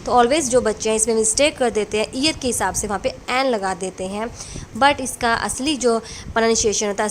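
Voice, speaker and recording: A woman's voice: a little high, slight background noise. A woman teaching English grammar in a classroom lesson, explaining rules patiently and answering her own questions as she goes.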